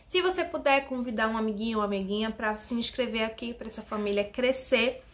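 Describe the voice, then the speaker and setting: A chatty woman, talking straight to her viewers as she walks through a true-crime case. Her voice sits a bit high, and she keeps a relaxed, conversational vlog feel with frequent little check-ins. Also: fairly quick. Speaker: YouTube channel host.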